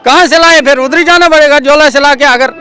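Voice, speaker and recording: A man's voice: very high-pitched, fast talker, sharp tone, some chatter behind. A man from Jammu and Kashmir protesting on the street, answering with bitter irony. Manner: bitter, ironic. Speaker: protesting contract worker.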